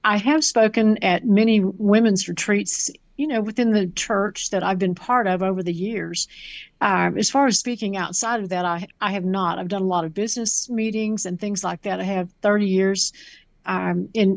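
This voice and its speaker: A woman's voice: mid-range voice, fairly even intonation, moderate pace, creaky, dry recording. Sincere woman speaker, dry sound. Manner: sincere, reflective. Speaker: conference speaker. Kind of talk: casual chat.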